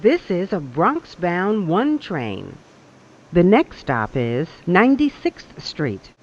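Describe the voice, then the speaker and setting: A recorded subway announcer heard over a train loudspeaker, speaking in measured, evenly spaced phrases. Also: medium pitch, wildly swooping pitch, muffled recording. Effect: played over a train loudspeaker.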